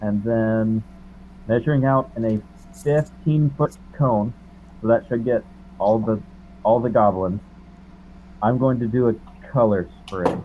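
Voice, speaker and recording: A man's voice: lowish voice, measured pace, pauses often, warm tone, slight background noise. Male player, wry, self-mocking, dull muffled recording. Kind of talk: casual tabletop play.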